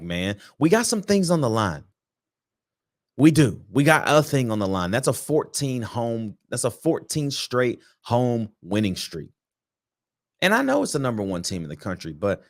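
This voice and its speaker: A man with a low voice who swings his pitch widely while he talks through a game preview. He speaks like a fan, casual and slangy, stumbling and restarting as his thoughts come. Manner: conversational, repeats and restarts, slangy. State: sleepy, yawning. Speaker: sports podcast host.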